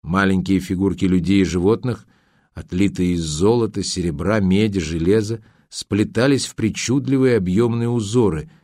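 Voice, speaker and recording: A man's voice: lowish voice, a little mellow, dry recording, clean studio sound. A man narrating an audiobook in a dramatic reading style, acting out the dialogue. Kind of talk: scripted narration.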